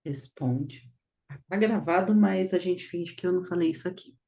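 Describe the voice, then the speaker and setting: A therapist telling a casual anecdote in a discussion, lively in the telling. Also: mid-range voice, moderate pace, vocal fry.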